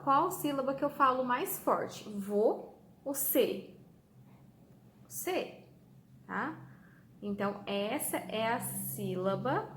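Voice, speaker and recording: A woman's voice: fairly high pitch, a little hiss or hum. Patient woman teacher. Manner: patient, repeats "tá?" often, lively emphasis. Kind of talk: online lesson for children. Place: room with a whiteboard. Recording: echoey room.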